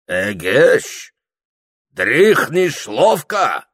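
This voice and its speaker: A male reader voicing a gruff, blunt middle-aged Circassian man who barks out broken, clipped phrases. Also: medium pitch, sing-song, extremely slow, voice pushed up, full character voice. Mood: mocking. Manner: broken, clipped speech, barked loudly.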